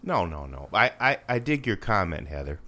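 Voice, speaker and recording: Low-pitched and very animated, this podcast co-host from Rapid City, South Dakota, has a sharp, slightly nasal tone and talks at normal speed. In casual chat he reads listener comments with a joking air and frequent laughter.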